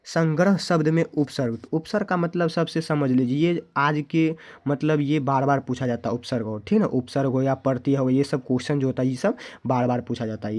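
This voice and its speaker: A man's voice: mid-range voice, a little mellow. A male teacher from India walking students through exam questions, repeating answers and reminders to remember them. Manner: repetitive, keeps asking students to remember.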